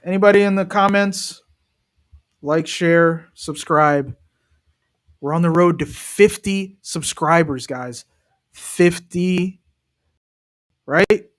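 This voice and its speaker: A man's voice: fairly high pitch, slow pace, pauses often. A man hosting a live football watch-along, chatting casually and talking straight to his viewers. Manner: chatty, talks directly to viewers. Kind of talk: casual live match commentary.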